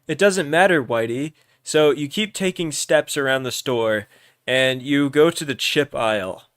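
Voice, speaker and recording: A young man hosting a livestream, loudly and teasingly narrating an improvised role-play game and often restarting his words. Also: mid-range voice, measured pace, no room sound, studio quality.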